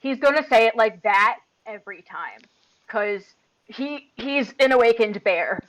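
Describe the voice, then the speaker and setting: A woman's voice: on the high side, lively intonation, measured pace, fairly bright tone, low-quality recording. A woman chats casually during a tabletop game, describing what her character does. Her speech rambles with constant fillers. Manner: rambling, full of "like".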